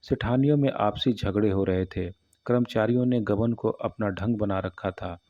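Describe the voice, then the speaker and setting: A man narrating a classic short story in a steady, measured reading. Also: lowish voice, no room sound. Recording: dull, muffled audio.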